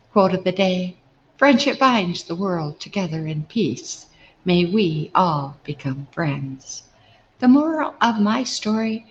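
A woman's voice: lowish voice, dull audio, slight background noise. A woman narrating a personal story in a humorous, chatty, self-deprecating way.

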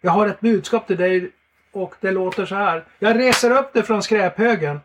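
A Swedish man sharing a faith testimony in lively storytelling, animated and laughing often. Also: high-pitched, background noise. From Sweden.

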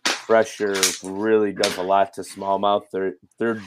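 A hoarse, raspy man whose voice goes in and out, hosting a casual live fishing show. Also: fairly low pitch, little pitch movement, measured pace, a little hiss or hum, poor audio. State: hoarse, voice cutting in and out from losing it. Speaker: podcast host.

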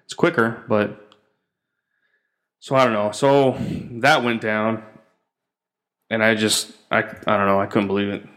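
A man's voice: fairly low pitch, fairly even intonation, a little slow, long pauses, a bit bright. A man, the show's host, tells a rambling and profane story in a casual, exasperated rant.

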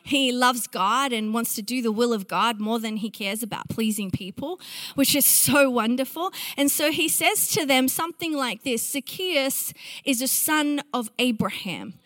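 A woman preaching a sermon in an animated way, with playful asides to the congregation. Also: fairly high pitch, normal speed, no room sound.

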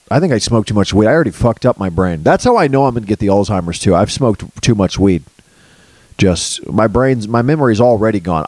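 A man's voice: lowish voice, no room sound. A man doing a rambling comic monologue as a podcast host, crude and sarcastic, swearing freely and jumping loosely from topic to topic. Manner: jumps loosely between topics.

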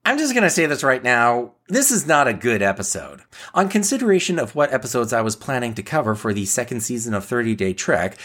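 A man's voice: mid-range voice, big pitch swings, a little fast, few pauses, a bit bright, soft background music. A man hosting a review show, delivering scripted commentary. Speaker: host of an episode review show.

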